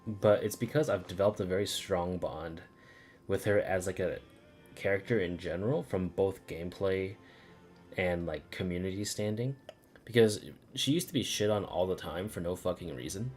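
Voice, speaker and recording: Over video game music, a gaming streamer talks casually, musing aloud in a wandering way with some cursing. He has a low-pitched, slightly mellow voice at a moderate pace.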